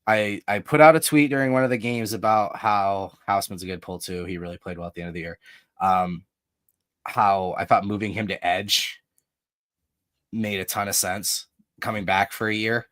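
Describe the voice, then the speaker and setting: A chatty podcast host with a fairly low male voice. He rambles through sports analysis in a relaxed, self-deprecating way and slips into promo plugs. The sound is dry and close, with no room around it. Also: normal speed, dry recording. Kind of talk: casual sports podcast chat.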